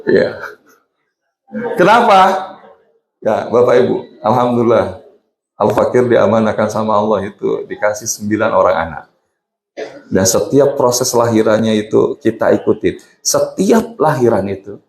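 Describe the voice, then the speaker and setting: A man's voice: on the low side, moderate pace, creaky, pauses often. A middle-aged man giving a sermon in a mosque, asking the congregation questions and mixing in English phrases. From Indonesia. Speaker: preacher. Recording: echoey mosque room.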